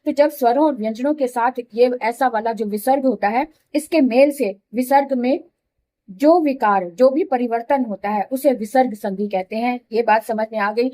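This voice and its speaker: A woman's voice: fairly high pitch, normal speed, dark tone. Patient woman teaching grammar. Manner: patient, repeats each step, checks understanding. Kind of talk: classroom explanation.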